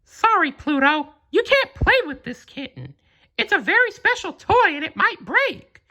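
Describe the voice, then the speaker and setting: Squeaky, high falsetto Mickey Mouse. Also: male voice, big pitch swings, a little slow, sharp tone, full character voice, poor audio. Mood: apologetic. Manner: earnest, kindly, eager. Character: Mickey Mouse, cheerful little male cartoon mouse.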